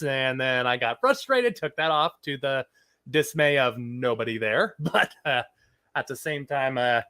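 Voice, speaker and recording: The host of this casual live chat stream is a man whose fairly high voice has a fairly bright tone and a slight scratchiness from a lingering cold. Chatty and rambling, he reads viewers' messages aloud.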